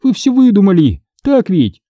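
A man voicing a teasing, sharp-tongued teenage girl in an audiobook, snapping back with quick retorts. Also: high voice, very animated, no room sound, clean studio sound, pitched above the performer's own voice. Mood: exasperated. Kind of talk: audiobook character voice.

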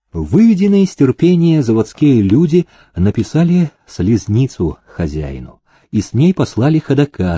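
A man narrating a storybook in a measured, expressive reading. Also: medium pitch, breathy edge, no room sound, clean studio sound. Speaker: audiobook narrator.

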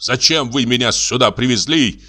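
A man's voice: mid-range voice, normal speed, bright, forceful tone, pitched above the performer's own voice. A man reading the part of a bitter, furious middle-aged country doctor, harsh and biting, clipping every word.

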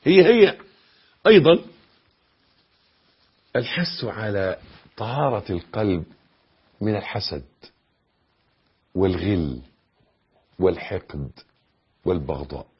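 A man's voice: on the low side, expressive, takes it slowly, long pauses, husky. A man with an Egyptian Arabic accent giving a religious lesson as a preacher, stressing key phrases emphatically. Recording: dull lo-fi lecture recording.

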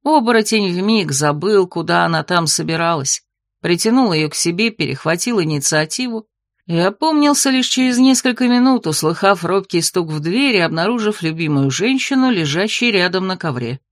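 A woman narrating a fantasy novel in an even, measured reading. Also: fairly low pitch, dry recording, studio quality. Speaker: audiobook narrator.

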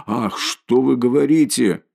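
A man's voice: mid-range voice, a little slow, vocal fry, a little mellow, voice pushed up. A man voicing a frightened, tearful mother who pleads timidly and anxiously. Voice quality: pleading, fearful.

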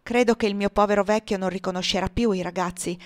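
A woman voicing a talkative aging house cook, devoted and emotional, in a lively exclaiming way. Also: mid-range voice, quick pace, natural voice. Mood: fond.

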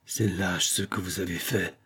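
A man voicing a furious sixteen-year-old girl defying her aunts, first low and bitter, then raised and loud. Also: measured pace, vocal fry, breathy edge, exaggerated voice.

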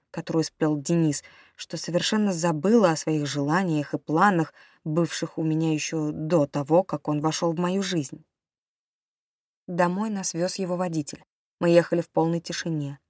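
Woman, audiobook narration, first person, lowish voice, dry close recording. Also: a little mellow, dry recording.

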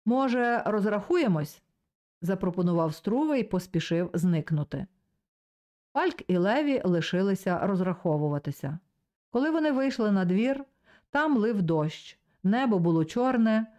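A woman narrates a novel in a measured, expressive reading. Her pitch sits in a middle range but moves with lively rises and falls. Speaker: audiobook reader. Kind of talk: scripted narration.

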